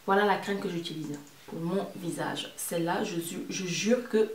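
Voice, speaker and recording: A woman's voice: lowish voice, moderate pace. Woman vlogger in an echoey room. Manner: repeats words and phrases for emphasis. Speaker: beauty vlogger presenting product favourites. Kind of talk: casual product review to camera. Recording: roomy echo, distant mic, faint noise.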